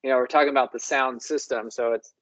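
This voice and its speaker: A language show host who muses slowly and says words aloud to compare how they sound. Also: mid-range voice, fairly even intonation, poor audio. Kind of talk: slow, exploratory discussion of word sounds.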